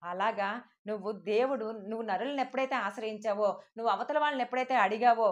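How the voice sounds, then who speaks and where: A woman delivers a sermon at a rapid clip, her voice sitting a little high. She preaches fervently and slips into the voices of God and of pleading believers as she goes. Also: highs cut off.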